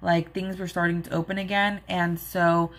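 A woman's voice: fairly low pitch, little pitch movement, normal speed. A woman hosting her own vlog, casually telling a personal story in a rambling, open way with plenty of "like" and "um.". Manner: chatty, rambling, many "like" and "um" fillers; open and emotional when recalling events. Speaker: vlog host.

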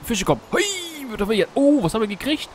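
A man casually commenting on his gameplay while fishing, talking to himself, greeting animals in the game, and yelping excitedly at each catch. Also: high-pitched, quick pace, a little hiss or hum. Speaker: Let's Play host. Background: background game music.

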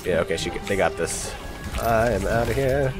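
This is casual gameplay commentary from a young male channel host whose voice is fairly low, lively in intonation and at a normal speed, though congested from a cold. He chats, laughs, and lets out a swear at close calls. Underneath, the game's music and sounds come through clearly.

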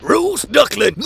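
A man voicing a sly, theatrical talking wolf in a cartoon comic dub, pompous and raspy. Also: sits high, sharp tone, a little hiss or hum, exaggerated voice. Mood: gleefully menacing. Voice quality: raspy, gravelly. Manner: pompous, elaborately polite.

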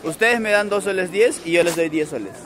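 Out on a crowded city street at night, a young vlogger runs a street challenge, cheerfully coaxing passersby and laughing a lot. He speaks in a high, fairly bright voice, a little fast. The handheld camera trailing him captures heavy street noise, with crowd chatter and traffic going by.

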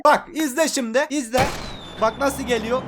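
A young man chatting excitedly to his viewers while playing a mobile game, swearing and shouting with glee. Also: very high voice, moderate pace, very noisy. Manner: loud, swearing, bursts into shouts and laughter. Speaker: gaming YouTuber. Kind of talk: excitable casual game commentary.

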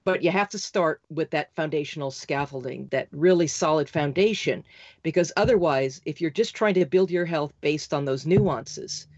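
A woman being interviewed as a podcast guest, talking quickly and insistently, like an auctioneer. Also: low voice, darkish tone, dry recording, lo-fi sound. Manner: insistent, rapid, talks like an auctioneer. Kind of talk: fast, emphatic interview talk.

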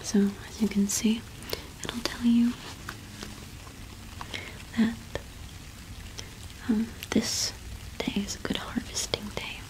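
A young adult woman's soft, breathy whisper comes from right by the microphone, her pitch on the high side and her delivery flat. In a gentle, halting ASMR roleplay, she plays a cottage witch shopkeeper, and the audio quality is poor.

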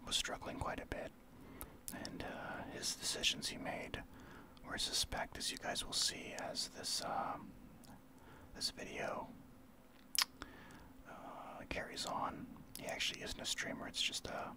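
A man delivers ASMR gameplay commentary entirely in a hushed, breathy whisper. He is from Saskatchewan, Canada, and explains the match informally, like a streamer guiding newer players. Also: a little slow. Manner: explanatory, informal gamer talk. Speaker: streamer, ASMR channel host.

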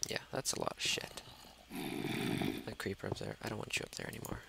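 A man's voice: brisk, very noisy. A man doing gameplay commentary, talking to himself and the monsters and dropping to a whisper when scared. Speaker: let's play host. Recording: loud mouse clicking over the voice.

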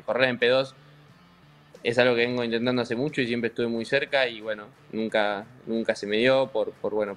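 A man with an Argentine accent, a racing driver being interviewed, talking in a relaxed, joking way with many fillers and restarts. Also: mid-range voice. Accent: Argentine Spanish. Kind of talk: casual interview chat.

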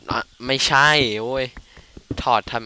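A man's voice: unhurried, noisy background. A man casually commenting on his game playthrough, joking and swearing as he goes. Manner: crude, joking, rambling. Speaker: gamer. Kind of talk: casual let's play commentary.

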